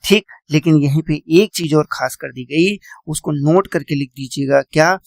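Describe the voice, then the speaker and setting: A man's voice: fairly high pitch, moderate pace, creaky, dry recording. A man teaching a classroom lecture, repeating key points, quizzing his students and calling them "beta".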